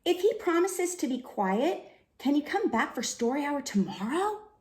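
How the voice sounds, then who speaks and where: A woman's voice: sits high, very animated, moderate pace, pitched above the performer's own voice. A woman voicing an earnest little girl from a storybook, asking sweetly. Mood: pleading. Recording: roomy, echoing room sound.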